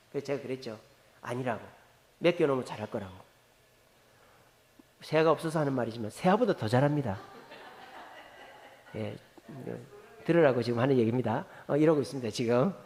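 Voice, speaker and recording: A middle-aged man, a pastor, preaching a lively Friday prayer sermon and acting out bits of dialogue as he tells stories. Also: a little high. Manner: playful storytelling, acting out dialogue. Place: church sanctuary. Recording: echoey church hall reverb.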